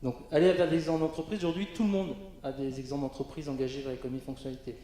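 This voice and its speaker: On a conference panel, a man presents hesitantly, filling his speech with fillers and restarts. His voice sits on the high side with a steady, dark tone, and he talks very fast. The recording is in a very echoey conference hall.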